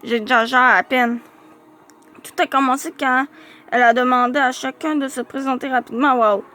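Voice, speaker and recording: A woman reading a diary-style youth novel aloud, with lively, expressive storytelling and small slips. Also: sits high, normal speed.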